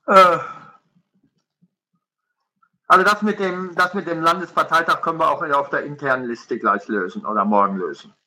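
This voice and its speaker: A man in a board meeting pushes a plan in brisk bursts, breaking off and correcting himself as he goes. His voice is very sharp and bright, and it sits fairly high. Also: low-quality recording. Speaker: party board member. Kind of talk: meeting discussion.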